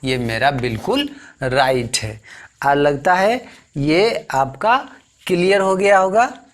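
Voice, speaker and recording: A man's voice: a little high, animated, slow pace. A man with an Indian accent teaching English grammar, asking rhetorical questions and repeating words as he explains. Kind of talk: classroom lesson explanation.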